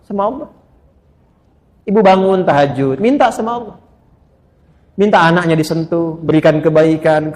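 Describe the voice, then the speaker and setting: A middle-aged man preaching to women, telling stories with sudden rises and soft asides. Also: high voice. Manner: animated storytelling with rising exclamations and soft asides. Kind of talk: sermon to women.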